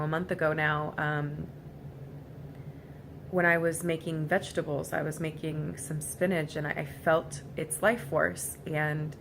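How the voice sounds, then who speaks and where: A woman gives a reflective personal vlog monologue, speaking casually and haltingly in an earnest, emotionally vulnerable way. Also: sits low, fairly bright tone. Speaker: vlogger. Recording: clearly noisy amateur recording.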